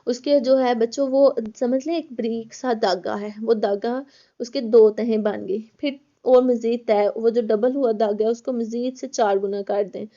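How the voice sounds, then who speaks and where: A woman teaches a college biology class, going step by step, repeating herself and addressing the students as children. Her voice is fairly high yet mellow and dark in tone. The recording is dull and lo-fi. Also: steady tone, a little slow.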